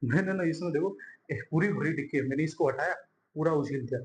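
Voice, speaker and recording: A man's voice: fairly high pitch, fast talker, a little mellow, slight background noise. A young man teaching a board-exam math lesson at a whiteboard, chatty and friendly, calling students bhai and yaar and repeating words as he draws.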